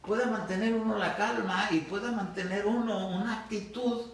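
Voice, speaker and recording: A man's voice: sits high, fairly even intonation, normal speed. A male pastor preaching a sermon, telling a personal story with hesitant restarts and acted quotes. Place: church hall. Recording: echoey hall, distant mic.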